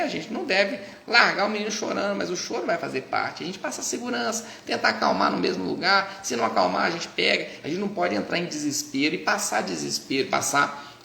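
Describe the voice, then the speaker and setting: A man's voice: high-pitched, animated, fast, creaky, pushed and bright. A man with a Brazilian Portuguese accent, a pediatrician giving casual advice to parents in a chatty way, with many tag questions and restarts. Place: doctor's office. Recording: echoey room.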